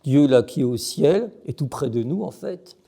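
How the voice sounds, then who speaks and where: Here the monk, a middle-aged man, sounds mellow and expressive at a normal speed, his mid-range voice a bit creaky. He explains Byzantine chant with emphasis, singing brief examples and asking listeners questions along the way.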